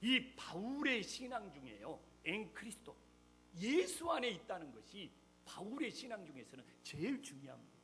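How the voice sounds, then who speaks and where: A man's voice: sits high, big pitch swings, normal speed, bright, forceful tone, soft background music. A man, a pastor, preaching a sermon in a church, pressing his points with emphatic rhetorical questions. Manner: jokes lightly with the congregation. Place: church sanctuary.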